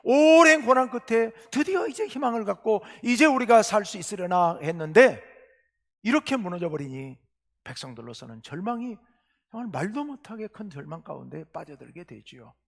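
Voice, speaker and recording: A male pastor preaching a sermon, asking questions and answering them himself, moving between hushed asides and loud, impassioned cries. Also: high-pitched, expressive, moderate pace, gravelly. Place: church sanctuary. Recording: long reverb of a church hall.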